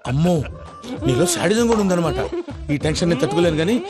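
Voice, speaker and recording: An actor playing an anxious, bossy schemer who talks in rapid comic patter. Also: male voice, sits high, expressive, over music. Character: anxious scheming middle-aged man. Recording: film scene under loud score.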